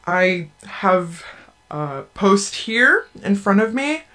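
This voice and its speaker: Electronically disguised voice, anonymous radio guest, earnest, measured, mid pitch. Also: very animated, pushed and bright. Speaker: anonymous guest, group member. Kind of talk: radio interview.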